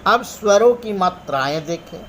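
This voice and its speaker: A man teaching a grammar lesson, explaining slowly and deliberately and drawing out each example sound. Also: high-pitched, animated, fairly bright tone, slight background noise. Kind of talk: classroom lesson.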